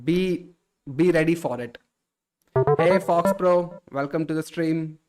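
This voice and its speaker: A man hosting a casual live stream, reading viewer chat aloud and answering in a relaxed way, often calling people "bro". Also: fairly high pitch, slow pace, faint music behind.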